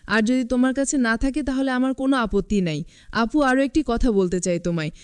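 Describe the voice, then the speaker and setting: A woman's voice: a little high, a little fast, smooth, no room sound, clean studio sound, natural voice. A woman reading the lines of a naive young boy, the narrator's little brother, asking things in an innocent, plain way. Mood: pleading.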